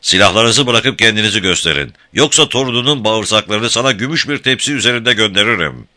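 A man voicing a cruel male villain who shouts threats while holding a child hostage, in an audiobook reading. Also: fairly low pitch, lively intonation, a little fast, voice pushed up. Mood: menacing. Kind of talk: audiobook character voice.

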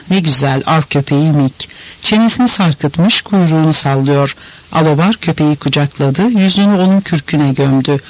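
A man reading a novel aloud in a measured, expressive storytelling manner. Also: fairly high pitch, poor audio. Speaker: narrator. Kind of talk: scripted audiobook narration.

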